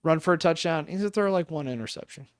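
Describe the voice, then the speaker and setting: Young male podcast co-host, excitable football fan, dry sound, slightly raised pitch. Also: quick pace, smooth, no room sound. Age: 20s. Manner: excited, rambling sports talk with swearing. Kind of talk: casual chat.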